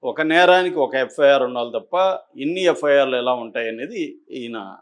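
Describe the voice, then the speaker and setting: Speaking in a mid-range voice, a man with a Telugu accent works as a news analyst giving political commentary in a conversational way. His explanations are halting and sprinkled with English words.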